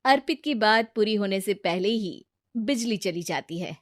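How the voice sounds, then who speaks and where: A woman doing scripted storybook narration for a family cartoon, plain and even. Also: mid-range voice, unhurried, no room sound, studio quality.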